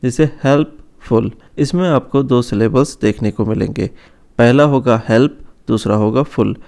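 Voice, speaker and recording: A man explains grammar rules to students in a calm, mellow voice. His tone is smooth and resonant, and he slows down carefully over each example word. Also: medium pitch. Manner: slow, careful stress on example words. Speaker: English grammar teacher. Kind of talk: explanatory online lesson.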